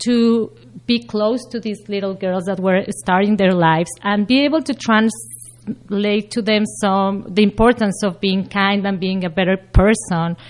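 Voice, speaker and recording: A woman, a studio guest giving earnest interview answers. She speaks fluently with only small hesitations, at a middle pitch. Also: measured pace. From Mexico. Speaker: guest, nonprofit founder. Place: radio studio.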